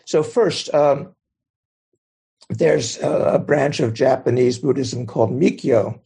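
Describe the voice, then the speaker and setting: A man, a Zen teacher, giving a gentle, thoughtful dharma talk and taking questions. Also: medium pitch, slow pace, vocal fry, breathy edge.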